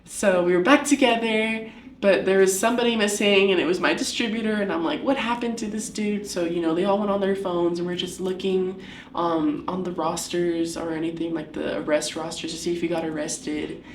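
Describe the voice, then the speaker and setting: A woman's voice: fairly low pitch, steady tone, a little fast, reverberant, far from the mic, a little hiss or hum. A young woman giving a casual personal testimony at church, telling her story with lots of "like" fillers.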